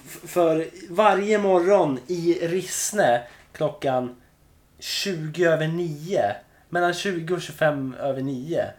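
A man in casual chat, telling a story with animated, joking energy. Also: fairly high pitch.

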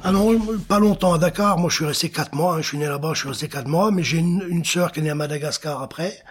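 A middle-aged artist, engraver and painter, born in Senegal and raised in Africa, answers interview questions with a fairly high, breathy voice and fast delivery. He searches for words and often repeats phrases.

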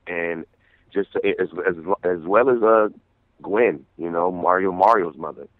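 A man's voice: sits low, unhurried. A man from San Francisco, a guest artist, talking earnestly in a casual radio interview, often repeating words as he thinks. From San Francisco, USA. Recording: tinny phone line.

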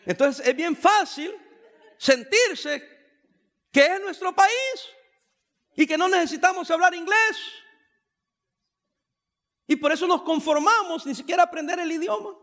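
A man in his fifties delivers a sermon from the pulpit in a high voice. He preaches in an animated, joking way and drops English phrases into his talk. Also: measured pace, pauses often. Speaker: pastor.

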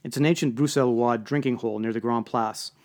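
Guy reading a story aloud, dry and wry, average-pitched voice. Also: fairly even intonation, a little fast, darkish tone. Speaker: narrator. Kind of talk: audiobook narration.

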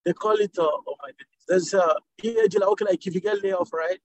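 A man's voice: high-pitched, quick pace, no echo. A man from Nigeria, calling in to a conference call on a car speakerphone while driving. He searches for words and restarts his phrases. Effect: car speakerphone phone line. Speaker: caller. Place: inside a moving car. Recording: muffled lo-fi phone call.

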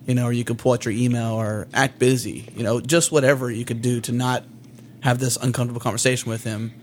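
A man's voice: medium pitch, little pitch movement, fast, slight background noise. Easygoing male podcast co-host. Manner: easygoing, many fillers. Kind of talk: casual podcast conversation.

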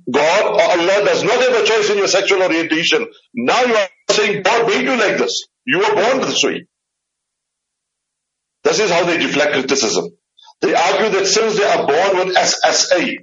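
A man's voice: high-pitched, fairly bright tone. A man, an Islamic scholar, giving a religious lecture with slides in an emphatic way, repeating key phrases. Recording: roomy, dull lo-fi room recording.

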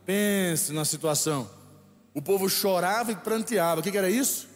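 In an echoey hall with faint music in the background, a man with a Brazilian Portuguese accent delivers a sermon as a bishop. He speaks emphatically at a moderate pace in a high voice, repeating lines so the congregation can echo them.

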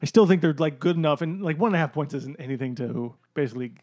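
A man's voice: fairly high pitch, fast talker, a little mellow, no room sound, studio quality. A man co-hosting a casual sports betting chat, joking, laughing often and restarting his sentences. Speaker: podcast co-host.

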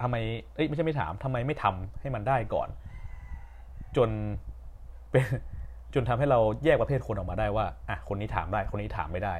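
Young man, podcast host, casual storytelling, rambling, self-correcting, somewhat low voice.

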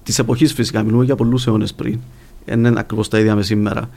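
A man's voice: lowish voice, little pitch movement, gravelly, mellow. Man with a Cypriot Greek accent, explaining. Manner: explanatory, illustrates points with examples. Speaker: guest linguist. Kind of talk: conversational explanation in a podcast interview.

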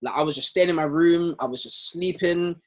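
A young man with a London roadman accent and a husky voice, chatting casually in slang and repeating himself to make his point. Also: on the high side, brisk. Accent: London, urban roadman slang. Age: young adult. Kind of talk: casual group chat.

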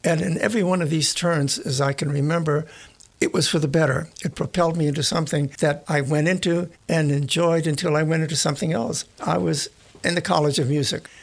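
An older man being interviewed, reminiscing about his career in a relaxed storytelling way with many restarts. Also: fairly high pitch, fairly quick, creaky. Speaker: interviewee, retired broadcast engineer. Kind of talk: casual reminiscing.

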